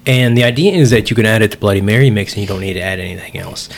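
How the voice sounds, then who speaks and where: A man's voice: on the low side, rapid-fire. A man chatting casually in a loose, sweary way, often saying "like". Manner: casual and sweary, heavy use of "like". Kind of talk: casual chat. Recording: clear background noise.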